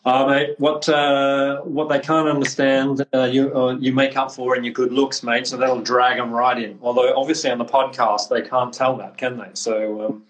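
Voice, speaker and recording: A man's voice: medium pitch, flat delivery, normal speed, hardly any pauses, poor audio. A man hosting a casual podcast, friendly and rambling, often restarting his sentences. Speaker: podcast host, clinic representative.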